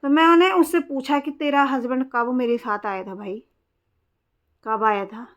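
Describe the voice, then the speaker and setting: A woman's voice: sits high, fairly even intonation, a little slow. A woman vlogger telling a personal story in a blunt, aggrieved way, in casual vlog talk. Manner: blunt, aggrieved recounting of a quarrel. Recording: dull lo-fi sound.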